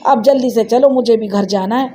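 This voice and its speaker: A woman's voice: on the high side, normal speed, mellow, a little hiss or hum, lightly acted. A woman doing a cheeky, headstrong village girl. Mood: eager. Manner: coaxing, cheeky. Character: lively teenage village girl, playful and headstrong.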